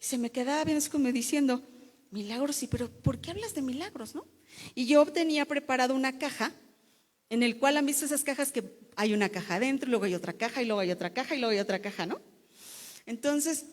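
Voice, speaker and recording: A woman's voice: fairly high pitch, long reverb tail. A woman giving an emotional church testimony as a pastor's wife, telling her story with repetitions and restarts.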